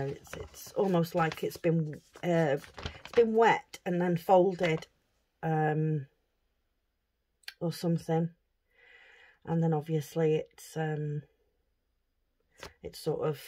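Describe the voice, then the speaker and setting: Low-voiced, slow-talking woman vlogger, casual unboxing chat. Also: mellow, slight background noise. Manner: chatty, thinking aloud while handling items. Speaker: craft vlogger.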